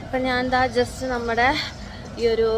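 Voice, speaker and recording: A woman's voice: fairly high pitch, little pitch movement, measured pace, noisy background. A Malayali woman chatting casually to camera as a travel vlogger, mixing English words into her Malayalam. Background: music, outdoor street and vehicle sounds.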